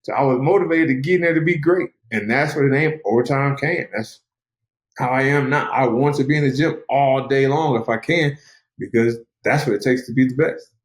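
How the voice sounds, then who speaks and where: A man's voice: medium pitch, reverberant. A man from the United States, a fighter guest in a casual interview, telling his story in an earnest, motivational way. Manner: earnest and motivational, talks in quick runs. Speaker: guest, mixed martial artist.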